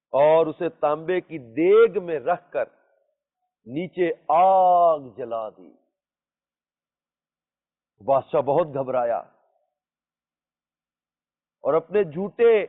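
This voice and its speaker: A high-voiced male religious teacher tells moral stories to listeners, speaking emphatically, repeating phrases and posing rhetorical questions. The lo-fi audio is muffled and echoes through a reverberant hall.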